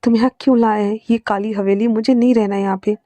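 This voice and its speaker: Woman reading scared stubborn young man, agitated, pleading, storybook role, mellow tone. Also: mid-range voice, steady tone, fast, dry recording, close to an everyday voice. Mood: defiant. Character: frightened defiant young man.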